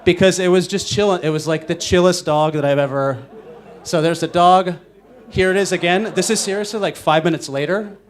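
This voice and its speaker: Young man, slightly high voice, casual conference talk, rambling, lots of fillers. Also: a little fast. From Northwestern United States. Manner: rambling, filler-heavy, self-interrupting. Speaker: conference speaker. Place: conference stage.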